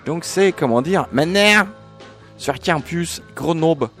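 A man's voice: fairly high pitch, animated, a little slow, loud music behind the voice. A man hosting a radio show in a studio, chatting casually and joking, with many hesitant fillers. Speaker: radio host.

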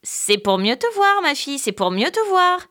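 A woman's voice: high voice, sing-song, moderate pace, pushed and bright, pitched above the performer's own voice, full character voice. A woman voicing an ugly, wicked man who pretends to be a sick grandmother, speaking in a plaintive, wheedling way. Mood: plaintive, coaxing.

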